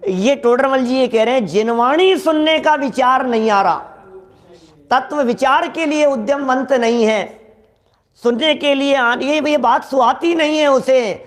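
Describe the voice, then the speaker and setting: A man lecturing on scripture in a sermon, speaking straight to his listeners, repeating lines for emphasis and acting out everyday dialogue. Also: very high voice. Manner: animated, acts out quoted dialogue from daily life.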